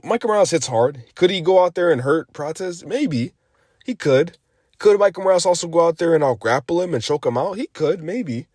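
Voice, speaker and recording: A young adult man giving a casual, rambling MMA recap, profane and animated with lots of fillers. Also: mid-range voice, dry recording, clean studio sound. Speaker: MMA commentator.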